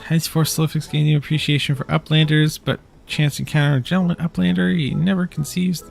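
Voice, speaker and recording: A man's voice: on the high side, level tone, a little fast, creaky, soft background music, pitched above the performer's own voice. A man voicing a pompous, well-spoken male goblin in a fantasy game, who mixes broken grammar with big words. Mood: storytelling.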